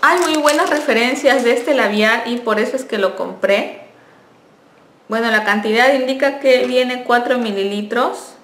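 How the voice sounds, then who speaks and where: A woman's voice: a little high, normal speed, a bit bright, a little hiss or hum. A young woman, chatting in a friendly way as she reviews a beauty product and corrects herself as she goes. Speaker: beauty vlogger. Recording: echoey room.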